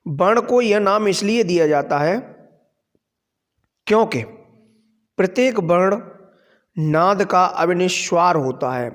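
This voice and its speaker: A man with a high voice gives a grammar lesson at an unhurried pace. He poses questions to the class and answers them himself. A long reverb trails behind his voice, as in a large hall. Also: animated. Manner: explains slowly, asks and answers his own questions. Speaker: Sanskrit grammar teacher. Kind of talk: classroom lecture.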